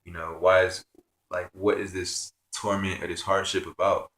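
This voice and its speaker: Low-voiced man, earnest rambling storyteller. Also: flat delivery, normal speed, a bit bright, reverberant. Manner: earnest, rambling, heavy on fillers. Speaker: spiritual vlogger. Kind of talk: personal spiritual storytelling.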